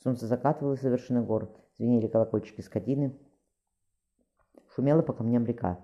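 A man reading an audiobook aloud, quick and even, with small slips. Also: medium pitch. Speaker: audiobook reader. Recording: muffled lo-fi recording.

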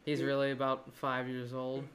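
Animated man acting out silly voices. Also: medium pitch, normal speed, crowd noise. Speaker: podcast co-host. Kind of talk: casual chat.

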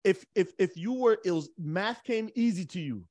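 A man hosting a podcast who asks his guest questions in an earnest, halting way, often restarting his sentences. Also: sits high, animated, a little mellow, dry recording. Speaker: podcast host. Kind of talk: casual interview chat.

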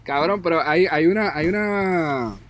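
A man's voice: on the high side, a bit bright, rough recording. Slangy Puerto Rican guy chatting. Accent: Puerto Rican Spanish. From Puerto Rico. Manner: slangy, joking, drawn-out words. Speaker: podcast co-host. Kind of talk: casual chat. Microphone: remote call mic.

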